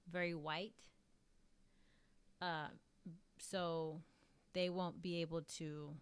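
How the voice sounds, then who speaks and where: Reading comments from her viewers, this South Texas streamer rambles along in a Mexican-American Texan accent, packing her speech with "like" and "um." She sits on the low side, with a clean tone and no echo.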